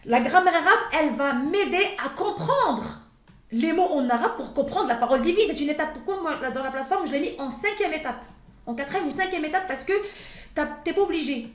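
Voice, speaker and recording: In an echoey room, a Quran teacher whose first language is Arabic chats in a casual interview, hesitating with lots of fillers and restarts. She has a high, animated voice and speaks fairly quickly.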